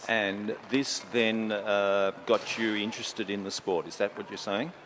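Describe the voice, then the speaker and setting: A male interviewer with a low voice asks questions outdoors, hesitant and full of fillers. Traffic and street noise are clearly heard around him. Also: fairly even intonation, a little slow. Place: outdoors near a gym in a built-up area.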